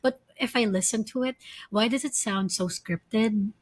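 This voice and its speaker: A woman in her early thirties from the Philippines co-hosts a podcast, chatting casually like she's with friends. Her voice sits on the high side and comes across a little slow with no echo, and she giggles often and asks curious questions.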